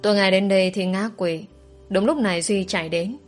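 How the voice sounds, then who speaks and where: A young woman calmly narrating a first-person story. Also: medium pitch, fairly quick. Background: faint background music.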